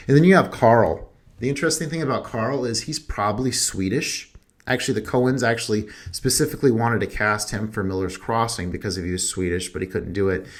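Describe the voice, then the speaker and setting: A young man co-hosting a movie podcast, talking in a loose, rambling, chatty way. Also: lowish voice. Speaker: podcast co-host. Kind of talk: casual chat.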